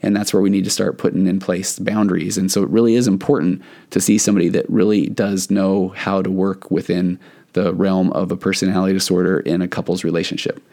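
A middle-aged man talks through his podcast alone, earnest and meandering, often restarting his sentences. His voice sits a little low and sounds mellow and relaxed. He speaks as a therapist explaining ideas to his listeners. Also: brisk. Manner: rambling, earnest, many restarts. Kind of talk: solo podcast monologue.

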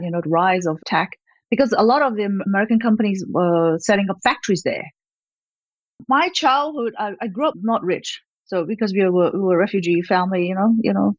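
A Malaysian gallerist in her fifties is a guest in a conversational interview, rambling with plenty of fillers and light laughter. Her voice is medium-pitched, the audio is dull, and there's no echo.

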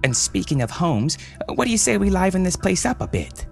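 A man's voice: medium pitch, lively intonation, extremely slow, a bit bright, soft background music, pitched above the performer's own voice. A man voicing a middle-aged suburban mother who taunts her captor with wry defiance. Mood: defiant wry. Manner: wry, taunting, hesitant at first.

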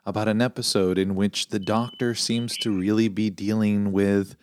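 A man's voice: fairly low pitch, flat delivery, moderate pace, a little mellow, a little hiss or hum. A man hosting a casual podcast discussion, earnest and hesitant, often restarting his sentences. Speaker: podcast host.

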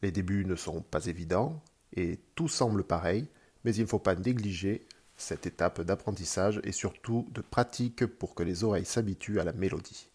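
A man's voice: low-pitched, moderate pace, a little mellow, breathy edge. A man hosting a podcast lesson, patiently explaining pronunciation with frequent hesitations. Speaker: podcast host teaching Mandarin tones. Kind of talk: spoken language lesson.

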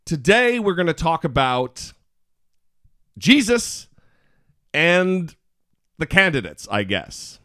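A man's voice: on the high side, sing-song, slow pace, long pauses, bright, forceful tone, no echo, clean studio sound. A man hosting a podcast with casual comedic talk and brash, teasing delivery. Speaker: podcast host.

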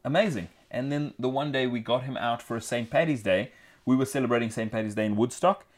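A man's voice: mid-range voice, fast. A man from South Africa co-hosting an indie film podcast, telling stories in a rambling, casual way. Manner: rambling storyteller. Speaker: podcast co-host. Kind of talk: casual chat.

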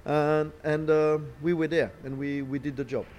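A middle-aged man, not a native English speaker, answering interview questions haltingly, searching for words and repeating phrases. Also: a little high, flat delivery, muffled recording. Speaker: racing team boss, former driver. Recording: clear background noise, ambient sound.

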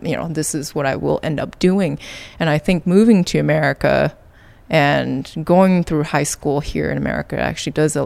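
A woman's voice: deep voice, vocal fry. A woman from Taiwan, a guest artist, talking in a thoughtful, reflective way with frequent "like" fillers. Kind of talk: reflective interview talk.

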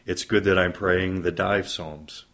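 A man's voice: low-pitched, steady tone, unhurried, a bit bright. A man in his fifties who is a pastor, speaking earnestly and reflectively in an interview conversation and building lists for emphasis.

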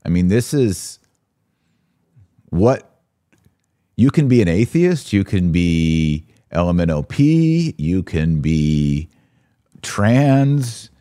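Responding to listener comments on his live podcast, an American host talks casually in an informal, slangy way. His low, warm voice is very animated yet very slow, with frequent pauses, and the studio-quality recording has no echo.

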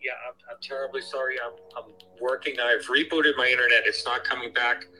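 A man calling in as co-host, heard through a phone on speakerphone, talking casually in a halting way with many fillers and restarts. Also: mid-range voice, flat delivery, a crowd in the background, poor audio. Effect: heard over a phone on speakerphone. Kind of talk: casual live chat.

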